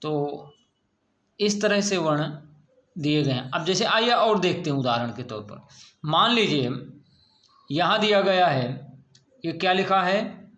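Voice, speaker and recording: A teacher walks students through a grammar lesson, repeating each question and answer in a slow, deliberate rhythm. His voice sits high for a man. The recording carries a noticeable room echo. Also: expressive, a bit bright. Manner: slow, drawn-out words with question-and-answer drilling.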